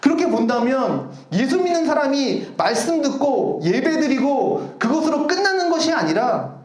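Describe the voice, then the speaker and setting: A man preaching a Sunday sermon as pastor, animated and earnest with self-deprecating humor. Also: extremely high pitch, moderate pace. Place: church sanctuary. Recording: roomy church echo.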